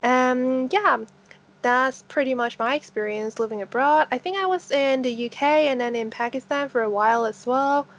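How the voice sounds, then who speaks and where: Young woman from hong kong cohosting a podcast, upbeat chatty storyteller, kinda high voice. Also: moderate pace. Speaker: podcast co-host. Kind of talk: casual podcast chat.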